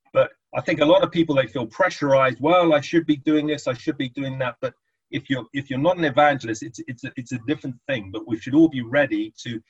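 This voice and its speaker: Guy teaching at church, kinda husky, lots of restarts, dull lo-fi audio. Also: medium pitch. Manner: repeats words, many restarts, conversational. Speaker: preacher teaching on evangelism. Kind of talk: informal teaching talk. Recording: dull lo-fi sound.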